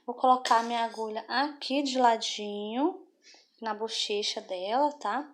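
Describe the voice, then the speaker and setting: A woman with a slightly high voice teaches a craft step by step. She talks patiently and keeps checking in with the viewer as she goes. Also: a little slow. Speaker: craft instructor.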